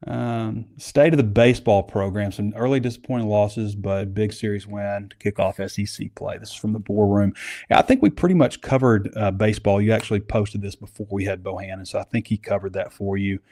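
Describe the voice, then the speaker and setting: A man's voice: fairly low pitch, darkish tone. A man hosting a casual sports podcast, talking in a rambling, conversational way. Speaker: podcast host.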